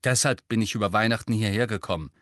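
A man voicing a clever, bossy teenage girl who talks in a brisk, lecturing way. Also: on the low side, a bit bright, dry recording, studio quality, lightly acted.

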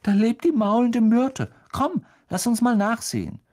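A brisk, clever schoolgirl, as a narrator puts her on, speaking in a noticeably higher, eager voice. Her tone is matter-of-fact and busy. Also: expressive, darkish tone, close to an everyday voice.

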